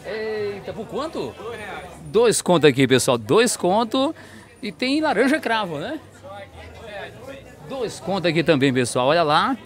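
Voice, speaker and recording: A man's voice: high-pitched, big pitch swings, a little slow, long pauses. A man with a Northeastern Brazilian accent hosting a walking vlog through an outdoor street market, chatty and asking vendors their prices. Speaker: market vlogger host. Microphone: handheld mic.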